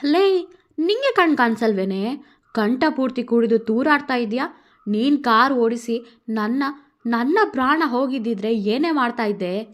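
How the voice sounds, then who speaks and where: A woman voicing a feisty young heroine in a narrated story, loud and defiant. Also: fairly high pitch, unhurried.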